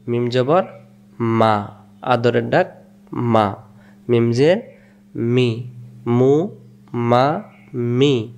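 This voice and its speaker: A man from Bangladesh with a Bangladeshi Bengali accent gives a Quran reading lesson at a very unhurried pace. His voice is smooth and clear, and he drills syllables again and again, posing quiz questions and answering them himself. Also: medium pitch, darkish tone. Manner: drills syllables aloud, repeating each several times. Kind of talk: slow spelled-out recitation lesson.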